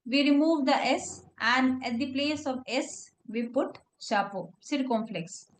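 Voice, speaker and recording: With a high-sitting voice and a slightly slow pace, a woman tutors French one-on-one over a recording with a little hiss or hum. She spells each word patiently, letter by letter, and frequently says "okay."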